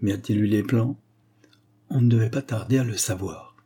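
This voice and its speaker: A man's voice: fairly low pitch, moderate pace, warm tone, breathy edge. A man reading a spy novel aloud and voicing a brusque, exasperated male police inspector. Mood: measured.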